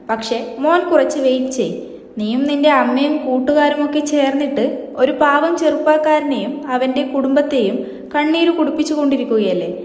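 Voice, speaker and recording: A woman's voice: sits high, darkish tone, natural voice. A woman reading out the lines of a cold, scheming young man from a soap serial, in her own plain voice. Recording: roomy with long reverb.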